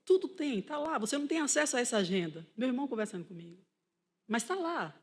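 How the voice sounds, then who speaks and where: A woman missionary preacher with a Brazilian Portuguese accent, giving an impassioned church sermon and telling her own story, shifting between loud cries and quiet asides. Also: on the high side. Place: church hall.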